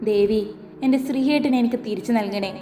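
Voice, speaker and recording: A woman's voice: fairly high pitch, a little fast, dark tone, slight background noise, lightly acted. Woman voicing a tearful young wife praying. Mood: grieving. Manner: tearful, imploring prayer.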